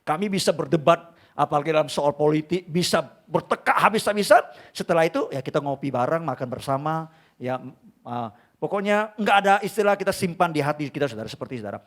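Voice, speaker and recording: Middle-aged male pastor, high-pitched, animated and emotional, preaching live in church. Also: fast talker. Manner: animated, emotional storytelling, keeps addressing the congregation. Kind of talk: live sermon. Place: church sanctuary.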